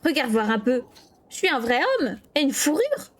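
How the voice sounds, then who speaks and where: A woman's voice: sits high, animated, normal speed. A woman voicing a boastful, unruly little boy who talks in clipped, childish phrases. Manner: cocky, childish, clipped broken speech.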